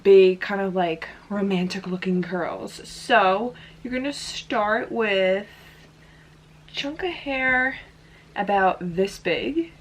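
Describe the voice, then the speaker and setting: A woman talking casually through a hair tutorial, chatty and full of "like" fillers. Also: medium pitch. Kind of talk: casual step-by-step demonstration. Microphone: camera in front of her.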